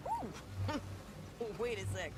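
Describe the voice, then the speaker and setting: An actress playing a tough young widow in an outlaw gang, blunt and scornful. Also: female voice, medium pitch, wildly swooping pitch, drawn-out words, exaggerated voice. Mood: sardonic. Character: tough, fiery frontier widow, young woman. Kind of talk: video game acting. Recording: loud game music underneath.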